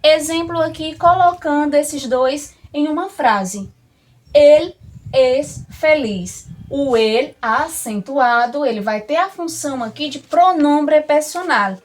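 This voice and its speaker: A woman with a Brazilian Portuguese accent teaching a language lesson, explaining slowly and carefully and drawing out the example words. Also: high voice. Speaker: Spanish teacher. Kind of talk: classroom lesson.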